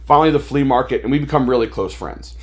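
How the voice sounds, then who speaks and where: A man of middle pitch recounts his story on a podcast in a loose, rambling way. He fills his talk with fillers and slips into livelier voices when he quotes people. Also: fast talker. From Maryland, USA. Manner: rambling, animated retelling with filler words. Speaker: podcast guest, toy store owner. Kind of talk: casual storytelling interview.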